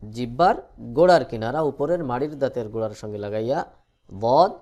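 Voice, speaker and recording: A man teaching Quran reading, explaining letter sounds patiently and slowly stretching out each letter as a drill. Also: mid-range voice, expressive, a little mellow. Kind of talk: recorded lesson on letter pronunciation.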